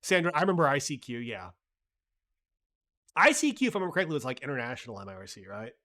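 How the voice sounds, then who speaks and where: Talking fast in a mid-range, sing-song voice that sounds pushed and bright, a man hosts a livestream and casually breaks down the market with blunt, profane commentary. Chatty and reading the chat, he constantly throws in "like" and "right?".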